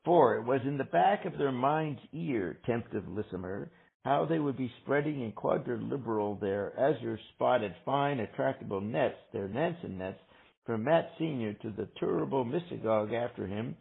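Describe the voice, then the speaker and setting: Male book-group reader, deliberate delivery, rough husky voice, narrow-band call sound. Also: mid-range voice, expressive. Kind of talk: reading dense literary prose aloud with discussion.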